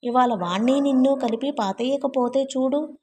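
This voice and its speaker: A man's voice: very high voice, moderate pace, a little mellow, slight background noise. A woman reading the abusive, snarling lines of a violent jealous husband in a storybook. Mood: angry.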